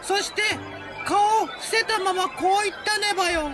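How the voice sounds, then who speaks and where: Give me a woman playing a cutesy mascot narrator with a very high voice, reading stories over background music. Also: moderate pace. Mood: upbeat. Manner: ends sentences with a cute verbal tic. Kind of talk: scripted narration of short stories. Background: light background music.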